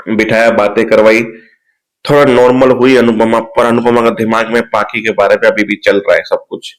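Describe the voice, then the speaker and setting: Man, medium-pitched, casual recap narrator retelling a serial's plot, close to the mic. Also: low-quality recording. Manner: retells the plot plainly, quoting characters.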